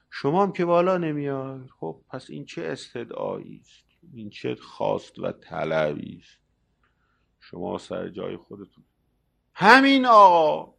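Male preacher, gravelly voice, lively sermon delivery that acts out dialogue and swings between loud and soft. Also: fairly low pitch. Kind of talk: religious sermon.

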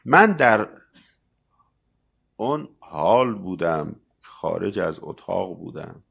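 Male preacher, gravelly voice, lively sermon delivery that acts out dialogue and swings between loud and soft. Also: sits low, lo-fi sound. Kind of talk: religious sermon.

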